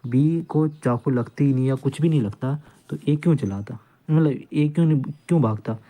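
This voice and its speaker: A man's voice: on the high side, moderate pace, dark tone. A man giving an informal law lecture, explaining points by retelling cases and repeating phrases, mixing English legal terms into his talk. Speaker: law tutor.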